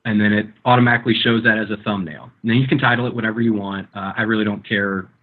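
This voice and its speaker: Brief: lowish male voice, video call with dropouts, casual explainer full of fillers. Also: steady tone, quick pace, phone-quality sound. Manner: rambling, full of ums and uhs and restarts. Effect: heard over a video call that breaks up. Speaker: guest demonstrating a blog setup. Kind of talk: screen-sharing tutorial chat. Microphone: computer microphone on a video call.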